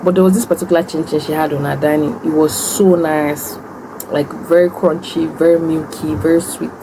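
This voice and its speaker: Young nigerian woman, low voice, chatting and eating mukbang style, noisy room hum behind her. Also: fairly even intonation, a little fast. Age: young adult. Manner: talks while eating. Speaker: food vlogger and host. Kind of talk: casual mukbang chat, storytelling and answering questions.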